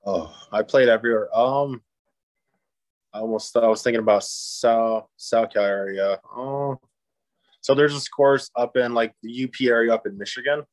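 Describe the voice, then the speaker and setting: A man raised in Japan, talking as a podcast guest in an easygoing, upbeat way with many pauses. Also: mid-range voice, no echo, poor audio. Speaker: podcast guest, disc golf player. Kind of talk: casual interview chat.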